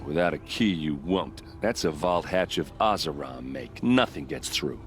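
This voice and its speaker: An actor voices a young male warrior in a video game, grieving over his murdered sister. He speaks low-voiced, earnest, and pleading, with lively intonation at a moderate pace.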